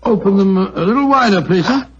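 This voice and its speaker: An actor playing a genial, blustery English doctor in 1940s radio style, bumbling and stammering with a British accent. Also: male voice, high-pitched, animated, fast talker. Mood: kindly, fussing. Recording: muffled, noisy old 1940s radio recording.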